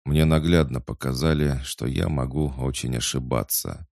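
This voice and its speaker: A man playing a stern adult commander who speaks in a measured, authoritative way. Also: rumbling low, vocal fry, darkish tone, dry recording, studio quality.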